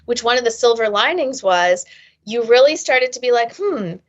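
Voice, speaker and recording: A woman's voice: a little high, normal speed. Chatty woman therapist, dull sound. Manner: long rambling explanations full of "you know" and "right?", acting out quoted thoughts. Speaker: therapist and author, podcast guest. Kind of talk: casual interview talk.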